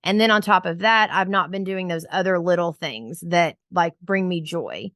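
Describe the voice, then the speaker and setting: Low-voiced chatty woman podcast host. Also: normal speed, fairly bright tone, dry recording, studio quality. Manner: upbeat, chatty, many "like" fillers. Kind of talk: casual podcast chat.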